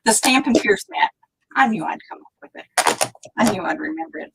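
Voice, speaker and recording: This stamping demonstrator has a low, creaky, somewhat bright voice with wildly swooping pitch and a moderate pace. Hosting a live craft tutorial, she chats and thinks aloud, occasionally near-whispering while her hands are busy, and the rough recording has slight background noise.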